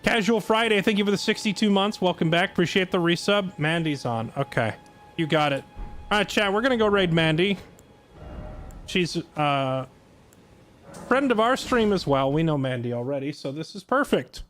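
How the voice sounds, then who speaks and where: A man's voice: high voice, animated, normal speed, a bit bright, a little hiss or hum. A tired man chatting casually on his live stream, sarcastic and self-deprecating.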